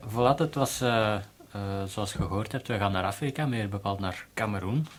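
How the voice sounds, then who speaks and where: A man hosting a radio show, relaxed and halting, with filler sounds, in a studio. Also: on the low side. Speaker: radio host.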